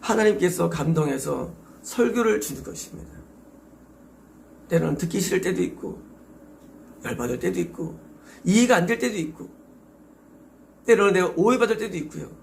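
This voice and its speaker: Korean-accented male pastor, middle-aged, gravelly high voice, emphatic sermon delivery. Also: lively intonation, normal speed, pauses often, a little hiss or hum. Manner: emphatic, exhorting with rhetorical questions.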